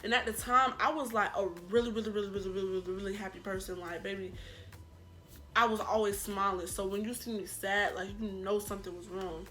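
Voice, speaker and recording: A woman's voice: medium pitch, fairly quick. A young woman vlogger telling a personal story in a casual, slangy, dramatic way. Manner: animated, slangy, dramatic retelling.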